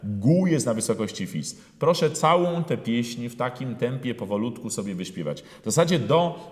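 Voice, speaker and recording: A man giving a singing lesson, talking through phrases slowly with many pauses and fillers, and singing parts of them out in full voice. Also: medium pitch, lively intonation. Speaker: voice teacher. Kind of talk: singing lesson with sung demonstrations. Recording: roomy hall with long reverb.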